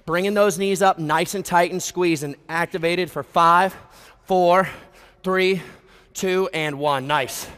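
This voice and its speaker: A young American man with a high, clear voice leads a workout like a hyped gym bro. He fires out motivational cues and countdowns while working hard himself, his voice ringing through a big reverberant hall. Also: steady tone, slow, fairly bright tone. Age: 20s. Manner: exerting himself while talking. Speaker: fitness instructor leading a group workout. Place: large brick warehouse gym, indoors. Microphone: headset.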